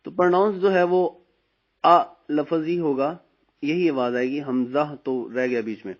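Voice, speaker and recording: A man with a Pakistani Urdu accent teaching how to read the Quran in braille. His voice sits a little high. He patiently explains, then slowly draws out each letter sound. The recording is dull and lo-fi. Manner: slow, drawn-out recitation of letter sounds between explanations; patient, repeats "theek hai" often.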